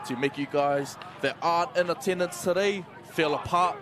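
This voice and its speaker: A man with a broad New Zealand accent giving animated live sports commentary as the lead caller. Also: on the high side, moderate pace. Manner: animated announcer delivery. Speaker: lead rugby league commentator. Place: outdoor sports ground. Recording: noisy outdoor ground, loud crowd. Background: loud crowd and outdoor noise.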